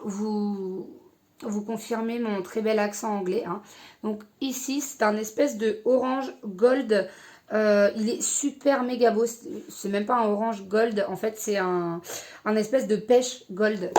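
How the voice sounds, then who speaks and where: A woman's voice: mid-range voice, a little mellow. A young woman casually reviewing an eyeshadow palette, hesitant with many fillers. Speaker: beauty vlogger.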